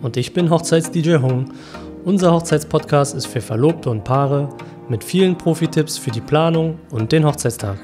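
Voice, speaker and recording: A man's voice: on the high side, moderate pace, music in the background. A man co-hosting a wedding podcast, asking short, friendly questions.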